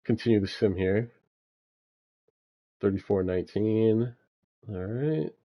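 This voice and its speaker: A man's voice: fairly low pitch, takes it slowly, highs cut off. A young man giving laid-back gameplay commentary, thinking aloud with frequent fillers as he manages a basketball franchise. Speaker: gaming YouTuber.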